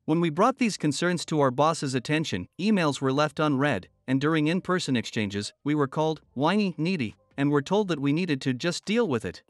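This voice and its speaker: A man narrating workplace and army stories in a steady scripted storytelling voice, lightly voicing the people in them. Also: on the high side, normal speed, hardly any pauses, dry recording, studio quality, faint music behind.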